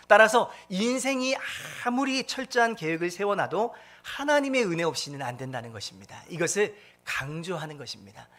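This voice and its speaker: A man's voice: high-pitched, a bit bright. A male pastor preaching a sermon in church. He keeps asking the congregation questions and repeating the key point back to them. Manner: quizzes the congregation with call-and-response questions. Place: church sanctuary.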